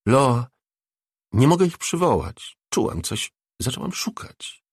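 A man voicing a frightened, shaken young woman in an audiobook, in a high, breathy and strained voice. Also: very animated, a little slow, no echo, studio quality. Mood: pleading. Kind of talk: audiobook reading.

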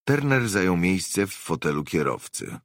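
Very deep, gravelly male storyteller. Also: sing-song, a little slow, no echo, clean studio sound. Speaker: audiobook narrator. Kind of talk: scripted narration.

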